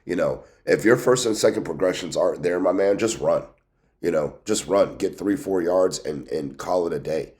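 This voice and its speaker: At a normal speed, a man with a deep, slightly mellow voice delivers casual commentary as host of a sports team news show, in a folksy, conversational manner. Because of a cold and scratchy throat, he sounds congested and nasal, as though holding his nose.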